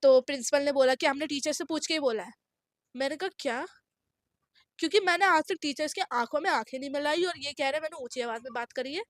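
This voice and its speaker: A woman's voice: high-pitched, quick pace, no echo, studio quality. A teenage girl tells a story about her school in a casual way, acting out the voices of the people in it. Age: teens. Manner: animated, acts out quoted voices.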